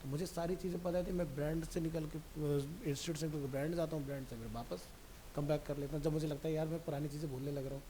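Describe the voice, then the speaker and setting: A fairly high-voiced man teaching a computer class, relaxed and talkative, speaking straight to his student. A faint hiss runs under the recording. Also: fast. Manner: chatty, digressive, addresses student directly. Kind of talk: casual classroom talk.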